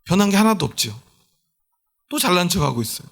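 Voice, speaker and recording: A man's voice: high voice, very animated, fairly quick, creaky, a bit bright. A male pastor giving a sermon in a conversational storytelling way, often asking the congregation questions.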